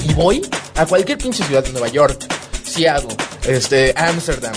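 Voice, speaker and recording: A man's voice: fairly high pitch, very animated, unhurried. A Mexican-accented man hosting a podcast in casual, slangy, foul-mouthed comic chat. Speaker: podcast host. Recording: music and crowd noise behind. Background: music and crowd.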